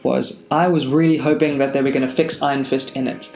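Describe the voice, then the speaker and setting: A man's voice: medium pitch, level tone, brisk, vocal fry, darkish tone, soft background music. Playful male podcast co-host, roomy echo. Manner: playful, jokey asides. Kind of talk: casual chat. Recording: roomy echoey room.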